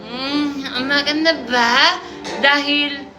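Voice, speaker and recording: A woman's voice: high-pitched, steady tone, slow. A woman hosting a livestream, reading a submitted confession aloud and breaking off for playful, teasing asides. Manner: playful, teasing asides and giggles between passages. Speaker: livestream host reading listener stories. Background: music.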